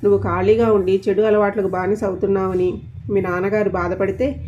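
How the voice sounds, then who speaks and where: Stern, scolding young male boss in a storybook, read flat by a woman, mellow tone, dull lo-fi audio. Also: mid-range voice, brisk, slight background noise, natural voice. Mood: angry. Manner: scolding, accusing.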